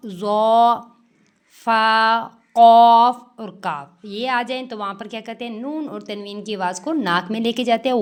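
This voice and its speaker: A woman teaching tajweed step by step, reciting words slowly and drawn out, then explaining the rules and answering her own questions. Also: on the high side. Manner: slow drawn-out recitation of verses between explanations; frequent "theek hai" check-ins.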